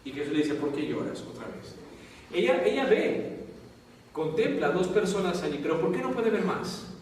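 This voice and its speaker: A man's voice: sits high, big pitch swings, normal speed, a little mellow, slight background noise. A man with a Peruvian Spanish accent, a priest teaching a Bible class, who keeps checking in with his students. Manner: asks the class constant check-in questions. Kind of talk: classroom lecture. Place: classroom or lecture hall. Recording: very echoey hall, voice far from mic.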